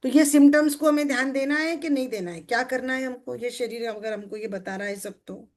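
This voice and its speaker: A middle-aged woman coach with a somewhat high voice leads a group workshop. She keeps turning to her listeners with questions and checks that they follow. She brings her points to life by voicing little everyday scenes. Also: brisk, a little mellow. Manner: acts out everyday scenes in quoted speech. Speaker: success coach. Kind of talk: motivational group workshop talk.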